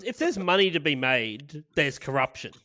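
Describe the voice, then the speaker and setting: A man's voice: fairly high pitch, big pitch swings, normal speed, sharp tone, a little hiss or hum. A man co-hosting a comedy podcast who laughs a lot and asks incredulous questions. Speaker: podcast co-host. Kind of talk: casual comedic chat.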